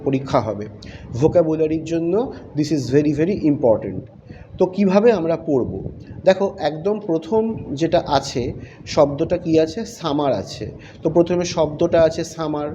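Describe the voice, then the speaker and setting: A man's voice: fairly high pitch, warm tone. A man teaching an English vocabulary lesson to young students, explaining patiently step by step and asking questions that he then answers himself. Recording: slightly dull, lightly noisy recording.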